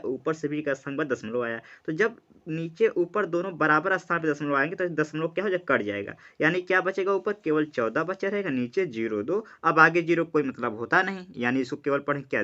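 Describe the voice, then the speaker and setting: A male math teacher with a bright, forceful, fairly high voice runs a basic lesson. He asks questions, answers them himself, and repeats key words. The recording sounds dull and lo-fi. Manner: slows down to read numbers digit by digit. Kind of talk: classroom-style math lesson.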